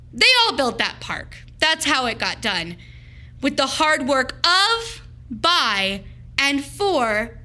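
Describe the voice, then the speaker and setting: With a high, bright voice, a woman reads a picture book in the dramatic, slow, carefully paced style a teacher uses for young children at storytime.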